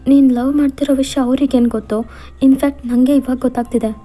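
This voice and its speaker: A woman's voice: high voice, fairly even intonation, brisk, dark tone, faint music behind, pitched above the performer's own voice. A woman voicing a distressed young widowed woman who protests and wavers, in a fan fiction voiceover. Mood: upset.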